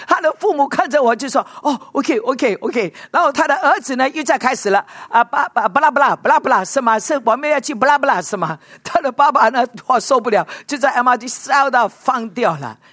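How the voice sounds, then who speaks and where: A woman preaching a sermon in an animated way, often checking with her listeners through rhetorical questions and dropping in English words. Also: high-pitched, quick pace, hardly any pauses, dry recording, studio quality.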